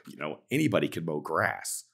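Hoarse American guest, middle-aged, extremely deep gravelly voice, laid-back frank storyteller. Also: male voice, big pitch swings, fairly quick, fairly bright tone. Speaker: guest entrepreneur. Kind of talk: conversational interview.

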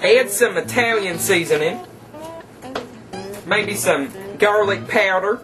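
Slow and high-voiced, a man plays a campy, thrifty trailer park queen hosting a cooking show. He gives a folksy, cheerfully instructive, tongue-in-cheek demonstration from a small home kitchen, recorded on a distant camera mic over music.

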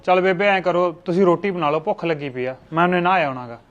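A man's voice: high voice, steady tone, fast talker, muffled recording, lightly acted. A man as a curt, suspicious husband. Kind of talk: short film acting.

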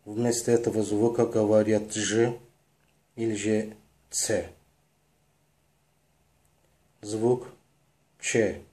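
Slow, low-voiced man explaining sounds. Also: warm tone. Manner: measured, deliberate, spelling out sounds one by one. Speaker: lecturer on word origins.

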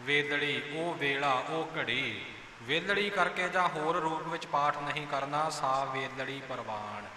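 A man's voice: fairly high pitch, measured pace, bright, forceful tone, slight background noise. Man teaching pronunciation in an echoey hall. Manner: patient, corrective, demonstrates words. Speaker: recitation teacher. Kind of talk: explanatory pronunciation lesson.

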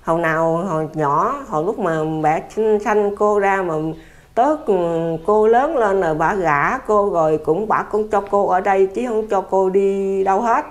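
A woman's voice: medium pitch, moderate pace. An older woman with a Southern Vietnamese accent, telling a story in a plain-spoken, earnest, repetitive way as an interviewee. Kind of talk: casual conversational storytelling.

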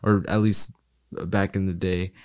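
A young man with a low voice weighs his thoughts on a film with a co-host. He speaks carefully and hesitantly, pausing on small fillers before he makes his point. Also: little pitch movement, darkish tone, smooth. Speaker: podcast co-host. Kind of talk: casual film review chat.

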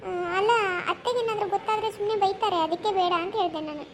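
A woman voicing a lively young woman, a protective niece who keeps asking pointed questions in a cartoon. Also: very high voice, slight background noise. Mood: probing. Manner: quick, questioning, sharp-tongued. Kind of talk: cartoon comedy voice acting.

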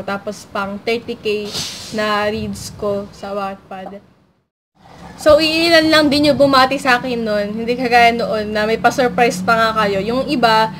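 A woman's voice: on the high side, slight background noise. A young woman from the Philippines talking casually to her viewers, rambling and full of fillers, wistful and apologetic. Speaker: vlogger and online story writer. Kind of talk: casual talk to camera.

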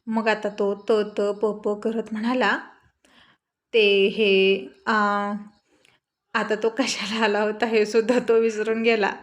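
A woman narrating a story in a steady, plain reading voice. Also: fairly high pitch, moderate pace.

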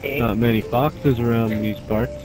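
Deep pitch-shifted stranger in voice chat. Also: fairly even intonation, measured pace, music in the background. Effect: deep pitch-shifted voice changer. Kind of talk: casual game voice chat.

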